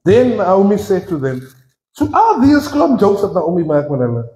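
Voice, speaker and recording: A South African pastor with a notably high, very lively voice preaches in an echoey church. He jokes with the congregation and jumps between English and Afrikaans. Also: normal speed. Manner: playful and animated, switching between English and Afrikaans. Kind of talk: sermon.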